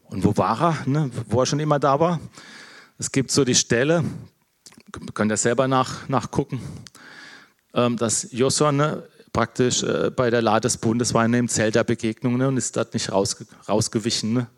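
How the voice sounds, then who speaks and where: Man, preacher, informal sermon, conversational, low-key, frequent fillers and restarts. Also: moderate pace. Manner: conversational, tags nearly every phrase with "ne?", many fillers and restarts; calls himself introverted, talks in a thoughtful, low-key way.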